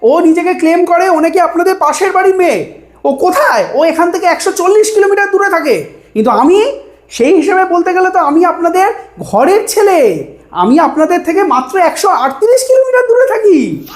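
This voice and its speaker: A woman's voice: very high-pitched, very animated, normal speed. A woman playing a pompous, corrupt male politician, declaiming grand promises in a comedy election-rally sketch. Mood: boastful, persuasive. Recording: echoey, reverberant voice.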